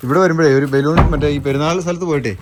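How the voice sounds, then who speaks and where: A woman's voice: low-pitched, very fast, noisy background. A woman chatting casually in a home vlog, teasing and coaxing small children outdoors and then inside the house. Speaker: family vlogger.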